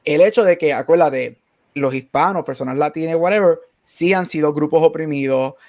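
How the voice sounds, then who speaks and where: A man's voice: a little high, moderate pace, darkish tone. A man co-hosting a casual podcast chat, reasoning things out and switching often between Spanish and English. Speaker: podcast co-host.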